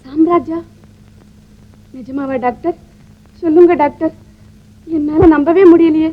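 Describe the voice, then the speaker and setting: A gentle young woman coaxes and soothes in a very high, bright voice. The sound is dull and muffled, like an old 1950s film soundtrack. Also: fairly even intonation, measured pace. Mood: soothing. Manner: soothing, coaxing. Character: gentle young woman comforting a grieving man. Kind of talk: 1950s film melodrama acting.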